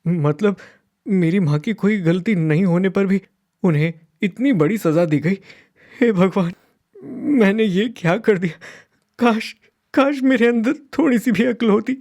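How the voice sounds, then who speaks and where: A man voicing an eager, remorseful young village boy in a cartoon, talking high and excitedly. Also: unhurried. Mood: emotional. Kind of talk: cartoon voice acting.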